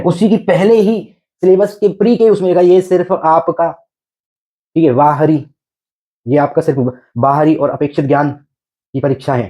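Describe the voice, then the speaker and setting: A man lecturing students in a coaching class, his voice sitting a little high for a man. He keeps asking rhetorical questions and checks again and again that they follow. His delivery is patient and repetitive. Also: a little mellow, dull audio. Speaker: teacher.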